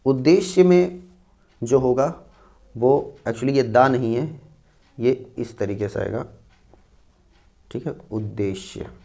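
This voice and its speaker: Here the teacher's voice is mid-range, gravelly and mellow. In a North Indian Hindi accent, he takes students through a Hindi spelling lesson for exam prep, saying every word twice, explaining it slowly step by step, and dropping in "dekhiye" and "theek hai."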